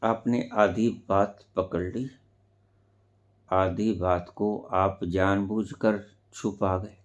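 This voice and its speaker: A man giving a spiritual discourse as a teacher, speaking deliberately with sudden loud emphatic rises. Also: low voice, steady tone. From India.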